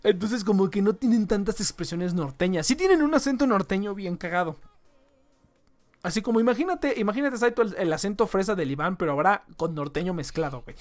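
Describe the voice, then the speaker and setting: A man hosting a podcast in casual, profane, joking banter. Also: sits high. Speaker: podcast host. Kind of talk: casual chat.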